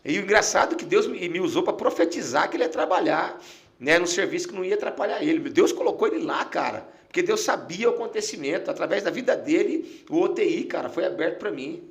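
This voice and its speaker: A middle-aged Brazilian man, a pastor, telling an emotional testimony in a podcast conversation, dropping to a hush as he nears tears. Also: high-pitched, lively intonation, quick pace, creaky. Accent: Brazilian Portuguese. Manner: emotional storyteller, falls quiet and near tears.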